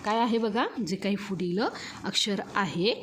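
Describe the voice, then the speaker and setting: A woman's voice: mid-range voice, unhurried, slight background noise. Marathi-accented woman teaching grammar. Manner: drills with repeated rhetorical questions. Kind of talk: classroom grammar lecture.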